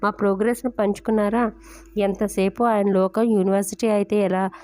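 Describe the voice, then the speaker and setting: A woman's voice: medium pitch, level tone, moderate pace, darkish tone, close to an everyday voice. A woman doing a resentful grown daughter.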